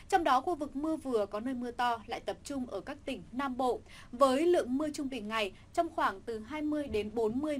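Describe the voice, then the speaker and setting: A woman presents the weather forecast in an even, formal newsreader delivery. Her voice sits a little high, and she reads every figure and region in a measured, scripted way. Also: slight background noise.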